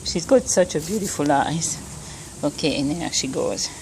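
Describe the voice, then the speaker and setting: A woman's voice: sits low, animated, normal speed. A woman filming her cat in the back yard, talking to it fondly and cooing at it in a casual way. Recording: loud outdoor background noise.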